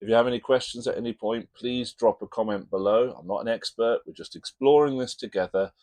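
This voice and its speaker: A man hosting a video series, explaining religious ideas in an informal, tentative way, pausing with ums and correcting himself as he reads from notes. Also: medium pitch, a little mellow. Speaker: channel host teaching Buddhism. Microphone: reading from notes to camera.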